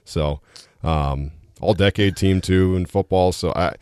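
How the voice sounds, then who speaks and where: A man's voice: sits low, measured pace, darkish tone, clean tone, no echo, studio quality. A young man from Rhode Island with a light Rhode Island accent, chatting casually and laughing easily as a guest on a radio show. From southern Rhode Island. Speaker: guest, baseball broadcaster. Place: radio studio.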